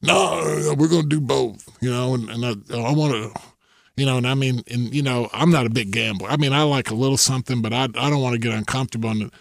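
A middle-aged man tells stories in a loose, rambling way, restarting his sentences and breaking into laughter. His voice sits at an ordinary pitch and is recorded close and dry, with no room sound. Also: fast talker, creaky, no room sound. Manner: rambling, many restarts, laughs often, acts out quotes. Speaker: guest telling stories. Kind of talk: casual storytelling chat.

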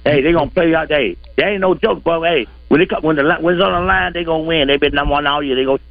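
A man's voice: fairly high pitch, quick pace, gravelly, dry recording, faint music behind. A man calling in over the phone to a sports talk show, insistent and repeating himself as he banters. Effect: heard over a phone line. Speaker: caller. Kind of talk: casual sports call-in banter. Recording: tinny phone line.

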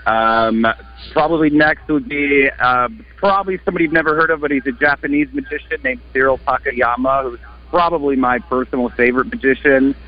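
A man from Wisconsin answers radio interview questions about his craft. He sounds earnest and eager, at a middle pitch, and often backs up to restart his sentences. The broadcast sound is a little muffled. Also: a little fast. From Wisconsin, United States. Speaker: magician guest.

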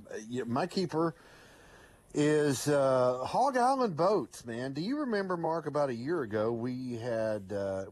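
A man, a radio host calling in to his show by phone, chatting casually in a halting, folksy, teasing way. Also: lowish voice, a little mellow.

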